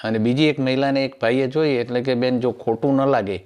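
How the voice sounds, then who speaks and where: A man's voice: mid-range voice, steady tone, a little fast, a little mellow, smooth. A male comedian, telling jokes in a rustic storyteller manner and acting out each character. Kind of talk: stand-up joke telling.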